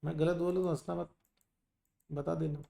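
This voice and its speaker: A man's voice: fairly high pitch, level tone, normal speed, vocal fry, mellow. A middle-aged male teacher lecturing a class on ayurveda, teasing and scolding students while mixing in English terms.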